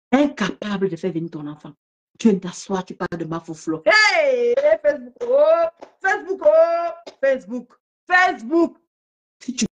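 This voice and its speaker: Woman, fairly high voice, mocking live-stream rant, loud laughs, quick bursts of talk. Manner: mocking, laughing loudly, talking fast in bursts. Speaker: live streamer commenting on an online feud.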